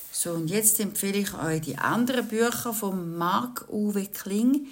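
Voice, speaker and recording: Woman storyteller, low, creaky voice, slow and animated read-aloud for kids. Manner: lively, with chatty asides to young listeners. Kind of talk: reading a children's book aloud.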